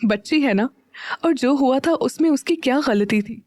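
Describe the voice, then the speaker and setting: Woman voicing a gentle middle-aged mother. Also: sits high, lively intonation, normal speed, pitched above the performer's own voice. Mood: pleading. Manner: gentle, pleading.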